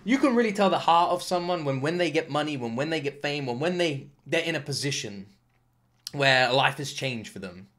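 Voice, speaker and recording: Excitable British man reacting loudly. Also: on the high side, normal speed. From United Kingdom. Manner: excitable, swears often, loud outbursts. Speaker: reaction video host.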